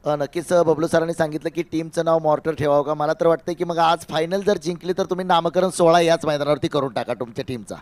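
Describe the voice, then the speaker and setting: Male co-commentator, quick and brisk, high voice. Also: steady tone, darkish tone. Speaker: cricket co-commentator. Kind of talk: live match commentary.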